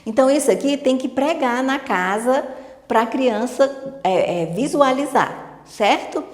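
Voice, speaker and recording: A woman's voice: sits high, lively intonation, measured pace. A woman teacher explaining a literacy lesson patiently, step by step, checking in with her listeners. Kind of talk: online teacher-training lesson. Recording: echoey room with long reverb.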